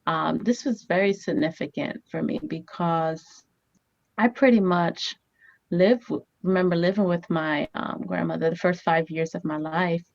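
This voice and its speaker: With a low voice and vocal fry, a woman in her thirties tells stories animatedly as an interview guest, using "you know" again and again. She's a family therapist and native Haitian Creole speaker, heard on a muffled recording with no room sound.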